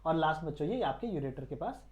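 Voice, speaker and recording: A man's voice: fairly high pitch, lively intonation, fast talker. A male teacher with an Indian accent gives a casual online science lesson, often asking his students questions and then answering them himself. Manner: quizzes students with repeated questions. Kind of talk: casual classroom lecture.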